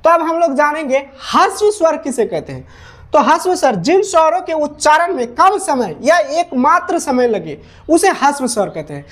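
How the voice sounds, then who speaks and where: A woman's voice: sits high, sing-song, moderate pace. A woman teacher giving a grammar lesson at a whiteboard, repeating each definition and asking rhetorical questions that she answers herself.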